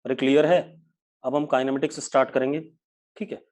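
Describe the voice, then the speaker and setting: Male physics teacher, brisk and scolding, live online lecture. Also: medium pitch, level tone, darkish tone. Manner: brisk, scolds students by name.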